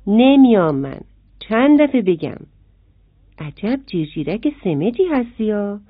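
A woman's voice: mid-range voice, sing-song, no echo. A woman doing a grumpy, snapping ladybug. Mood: angry. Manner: irritable, snapping. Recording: dry, phone-like sound.

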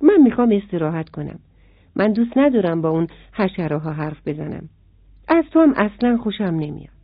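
A woman's voice: lowish voice, very animated, no room sound. Grumpy male ladybug in a storybook, voiced by a woman; dry, lo-fi recording. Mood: sulky. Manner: irritable, snapping. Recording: dry, phone-like sound.

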